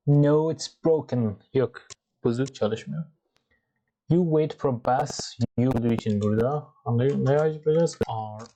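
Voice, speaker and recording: Slow, mellow teacher. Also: male voice, medium pitch, vocal fry, slight background noise, rough recording. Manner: slow, explaining step by step. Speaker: English teacher. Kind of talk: bilingual grammar lesson.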